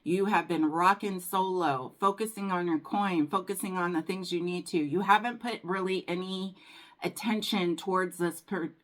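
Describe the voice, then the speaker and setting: A woman's voice: fairly low pitch, normal speed, fairly bright tone. A woman doing a casual, chatty tarot reading for viewers, calling them darling and reading aloud from a card book. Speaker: tarot reader.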